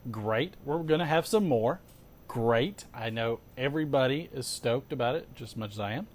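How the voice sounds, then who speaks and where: A man hosting a casual show, chatting as an animated storyteller with sarcastic asides, emphatic repetition and rhetorical questions. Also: medium pitch, normal speed. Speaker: host of a pipe-smoking show. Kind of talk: casual chat.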